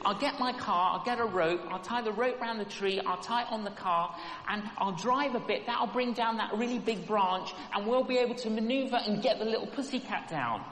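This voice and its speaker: A man playing a self-assured pastor and father who briskly lays out his rescue plan, in an echoey hall. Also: high-pitched, a bit bright. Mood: confident. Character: confident pastor father, full of ideas. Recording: echoey hall with background noise.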